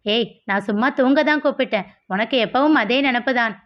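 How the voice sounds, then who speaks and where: A woman's voice: fairly high pitch, a little fast, close to an everyday voice. A woman voicing a teasing young husband in a storybook reading, in a lazy, bantering way. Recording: dull lo-fi audio.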